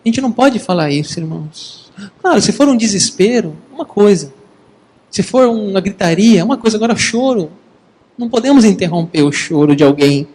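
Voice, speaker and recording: A man preaching a sermon in a lively, conversational way, addressing the congregation as brothers. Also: high voice, brisk, breathy edge, big-room sound, low-quality recording. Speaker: pastor.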